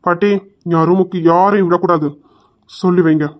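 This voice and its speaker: Curt irritated young man voiced by a woman, flat lowered voice, dull lo-fi sound, audio drama. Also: normal speed, close to an everyday voice. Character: angry young man, grandson of the house.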